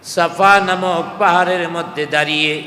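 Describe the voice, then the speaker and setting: A man preaching a sermon on scripture, impassioned, swinging between loud cries and low, half-sung phrases, with speech. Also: steady tone, moderate pace, in a large hall. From Bangladesh. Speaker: Islamic preacher. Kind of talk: sermon, Quran commentary.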